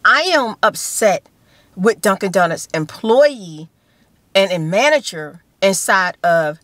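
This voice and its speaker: Here the same kind of scene plays out: a woman vlogger in her 50s, inside a parked car, recounts a story to camera in a relaxed chat, gesturing freely and repeating herself to stress points. Her medium-pitched voice moves slowly, picked up by a nearby phone camera with no room sound.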